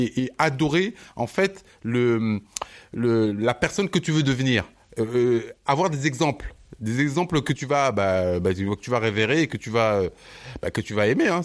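A man co-hosting a podcast in casual chat, animated and slangy, often stammering on repeated words. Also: mid-range voice. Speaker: podcast co-host.

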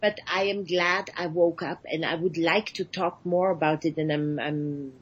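A woman and actress talking as a radio guest, halting often and searching for her words. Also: low-pitched, steady tone, husky, low-quality recording. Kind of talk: radio interview conversation.

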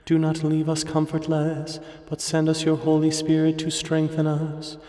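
A man leading morning prayer, reciting the liturgy in a solemn, measured and partly intoned way. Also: fairly high pitch, monotone, warm tone. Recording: echoey church-like hall, long reverb, music.

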